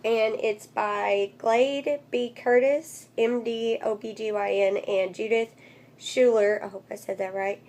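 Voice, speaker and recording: A woman vlogger, still getting her voice back, sounds congested and nasal as she gives a casual update and reads aloud from a book. Her voice is fairly high with a darkish tone, fairly even intonation and a slightly slow pace, recorded on a phone with clear background noise.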